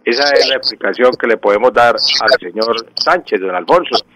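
A man with a Santander Colombian accent who answers listeners' questions on the radio like a teacher. He speaks slowly, repeats key words and pauses on "eh" fillers. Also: medium pitch, pushed and bright. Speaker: language and local history expert on radio. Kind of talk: radio call-in explanation.

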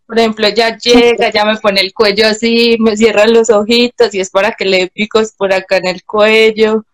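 A young woman, chatting as a guest on a video call from home and telling a personal story with animated voices for the people in it. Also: medium pitch, normal speed, no echo. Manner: animated, acts out voices of others in anecdotes. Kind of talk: casual storytelling.

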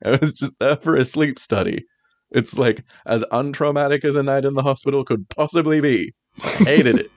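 A man's voice: mid-range voice, normal speed, no echo, lo-fi sound. A man co-hosting a podcast, chatting casually about a TV show with wry, jokey asides. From Australia. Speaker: podcast co-host. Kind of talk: casual chat recapping a TV show.

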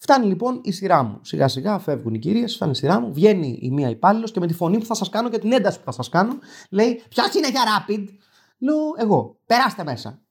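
A man recounting a funny everyday mishap with dry, self-mocking sarcasm. His pitch swings widely as he acts out the exchanges, and he rambles, stumbling over and restarting words. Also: sing-song, gravelly, a little mellow, slightly rough. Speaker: storyteller. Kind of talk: humorous personal anecdote.

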